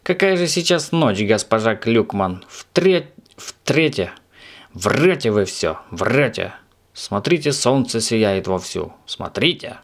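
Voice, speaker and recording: A man's voice: lowish voice, lively intonation, moderate pace. A man voicing a cheeky impish male creature with a snout who teases and mocks. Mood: mocking. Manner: teasing, mocking, gleeful.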